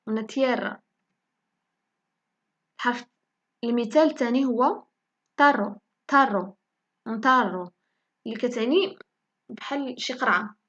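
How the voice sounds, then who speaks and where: A woman with a Moroccan Arabic accent teaching a language lesson, saying each example word slowly and repeating it for learners. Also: fairly high pitch, dull audio. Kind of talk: spoken lesson in Moroccan Darija.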